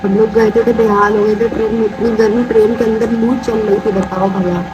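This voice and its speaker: A woman's voice: a little high, level tone, fairly quick, muffled recording. A young woman chatting casually and at length while cooking, recorded on a phone in her home kitchen. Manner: rambling, talkative, peppers speech with "matlab" and "yaar". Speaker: vlogger. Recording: noisy phone recording with room ambience.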